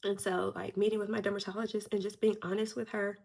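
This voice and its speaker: A husky-voiced woman talks straight to her viewers while she does her makeup. She is close to tears but keeps pushing through, open and candid. Her voice is mid-pitched and a little breathy. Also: flat delivery, fast, a little mellow. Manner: tearful, fighting back crying, candid. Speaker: beauty vlogger. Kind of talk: emotional get-ready-with-me talk.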